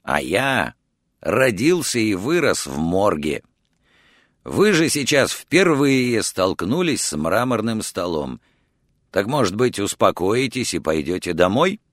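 A man voicing a blunt, world-weary detective who lectures in a flat, dry way, in a storybook reading. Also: on the low side, slow pace, no room sound, heavily acted. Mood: dismissive.

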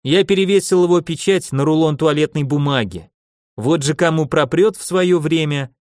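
A man's voice: on the high side, moderate pace, dry recording, studio quality, lightly acted. A man voicing a brash, cheeky young man who talks with insolent mockery in an audiobook. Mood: cocky. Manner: insolent, teasing.

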